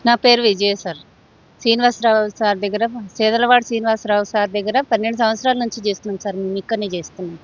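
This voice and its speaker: Fast-talking woman. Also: mid-range voice, fairly even intonation. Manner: fast, agitated storytelling with quoted exchanges. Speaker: worker at the site, eyewitness. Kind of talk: recounting events to a reporter. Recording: dull lo-fi field recording.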